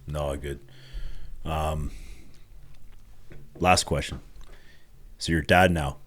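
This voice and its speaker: A male podcast host asking questions in a laid-back, soft-spoken way. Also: a bass voice, steady tone, extremely slow. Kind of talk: casual interview.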